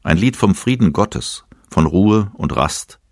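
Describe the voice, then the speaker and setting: A man giving a calm devotional reading with a slow, measured, solemn recitation. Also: low-pitched, no room sound, clean studio sound.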